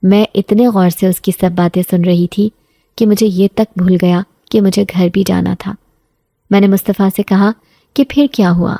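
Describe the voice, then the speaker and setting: A woman narrating a scripted first-person horror story in a steady storytelling voice, close to the mic. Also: medium pitch, dry recording.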